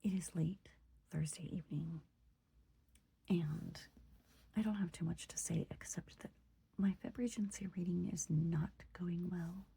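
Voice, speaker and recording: A woman's voice: lowish voice, steady tone, unhurried, gravelly, long pauses, breathy edge. A woman whispering a late-night update about her reading in a book vlog. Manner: whispering, hushed. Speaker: book vlogger.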